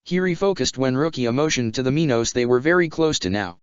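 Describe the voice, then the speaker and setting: Man with a smooth voice reading a story. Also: mid-range voice, lively intonation, fairly quick, no echo. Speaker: narrator. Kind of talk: reading fan fiction aloud. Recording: dull lo-fi sound.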